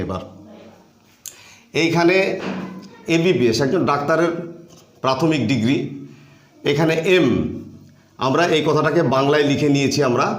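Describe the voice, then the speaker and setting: Male teacher, patient step-by-step explainer, somewhat high voice, echoey classroom sound. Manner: patient and step by step, with repeated phrases. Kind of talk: grammar lesson explaining on a board. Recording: echoey room.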